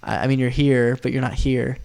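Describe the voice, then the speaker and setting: A man with a nasal, stuffed-up voice from being sick, chatting casually through a tier list in a rambling, excitable way. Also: medium pitch, fairly quick, gravelly. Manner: rambling, filler-heavy, easily excited. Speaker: video host.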